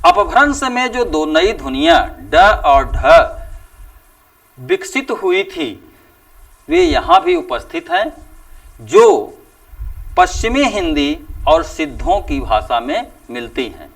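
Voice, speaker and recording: A male teacher giving a classroom lecture, speaking slowly and deliberately and drawing out example sounds with emphatic rises. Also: sits high, wildly swooping pitch, gravelly, fairly bright tone, distant mic. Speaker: Hindi teacher.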